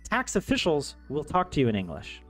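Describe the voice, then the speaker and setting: With huge pitch swings and a fairly bright tone, a young American man speaks fairly quickly in a fairly high voice. On his live stream he teaches Finnish and chats casually about life abroad, often joking and laughing between fillers and restarts. Faint video game music is audible.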